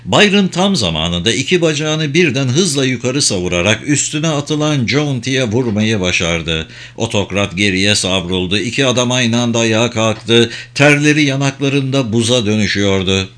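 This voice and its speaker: A man narrates a story in a measured, dramatic style. His voice sits in a middle range. He reads the fight scenes at a deliberate, even pace. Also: medium pitch. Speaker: audiobook narrator. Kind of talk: scripted narration.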